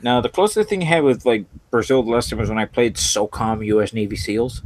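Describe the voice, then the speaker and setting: A man's voice: medium pitch, brisk. A man co-hosting a casual podcast, joking in an offhand way with hesitant fillers. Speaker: podcast co-host. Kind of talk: casual political chat.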